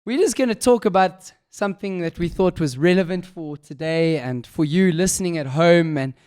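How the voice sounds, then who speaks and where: Croaky South African man hosting. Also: a little high, moderate pace, darkish tone. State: croaky, rough voice. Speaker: radio show host. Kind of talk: casual chat show hosting.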